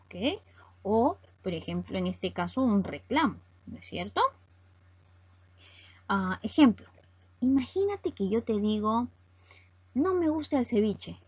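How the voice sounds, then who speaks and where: Lively woman teacher explaining grammar, lo-fi. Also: fairly high pitch, slightly rough, dry recording. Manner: explains step by step, reading English phrases slowly and checking with ¿ok?. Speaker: English teacher. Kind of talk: recorded classroom lesson explaining grammar.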